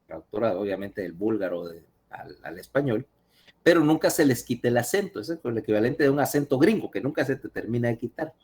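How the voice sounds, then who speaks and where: A man's voice: mid-range voice, lively intonation, brisk, a little mellow. A man lecturing over a video call in a chatty way, telling anecdotes and asking his listeners questions.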